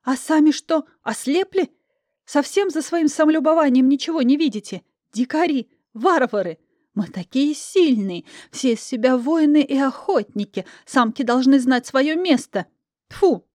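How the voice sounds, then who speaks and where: A woman's voice: animated, measured pace, darkish tone, dry recording, studio quality. A woman voicing a pampered young princess who sobs and shrieks in indignant outbursts. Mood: furious. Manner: shrill, sobbing outbursts.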